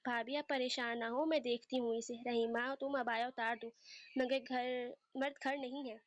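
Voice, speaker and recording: A woman voicing a calm, serious lady of the house. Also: fairly high pitch, normal speed, no echo, lightly acted.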